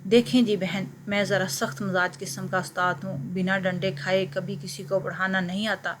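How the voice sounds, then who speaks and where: A strict male cleric of about sixty speaks slowly in a heavy, stern voice, as a woman narrator puts him on in her storybook reading. His voice sits at an ordinary middle pitch. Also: level tone, noisy background, natural voice.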